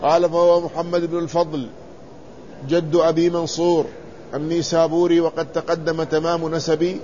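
Guy teaching a lesson, reads old text out loud then explains, asks the class stuff, kinda high voice, muffled lo-fi recording. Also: little pitch movement, moderate pace. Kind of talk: traditional lesson, reading a text aloud with commentary. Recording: dull lo-fi recording with faint noise.

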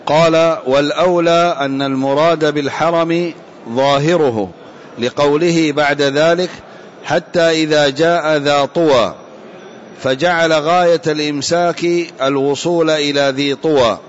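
A man reading a classical commentary aloud in a lesson, measured and formal, with careful vowelling, in a muffled lo-fi recording. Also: fairly high pitch, fairly even intonation. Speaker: student reading the text aloud.

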